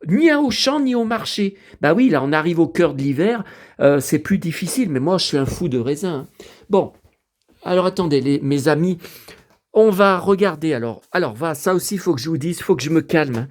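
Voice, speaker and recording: A man's voice: on the high side, animated, brisk. A middle-aged man vlogging outdoors from his balcony in a rambling, chatty way, often asking his viewers if they see. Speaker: YouTuber. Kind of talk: casual vlog chat to viewers. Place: outdoors on a kitchen balcony facing a forest.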